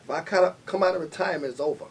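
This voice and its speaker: New promoter guy, slangy and braggy, sounds a bit off-mic with faint rumble behind. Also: racing, recorded from a distance. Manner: streetwise slang, boastful, repeats "you know". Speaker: event promoter and guest. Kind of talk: casual interview chat.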